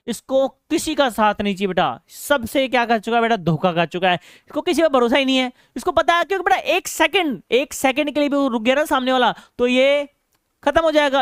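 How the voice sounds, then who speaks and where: A man's voice: extremely high pitch, a bit bright, clean tone, no room sound, studio quality. A male biology teacher lecturing in a classroom style, teasing and scolding students while he keeps asking questions and answering them himself.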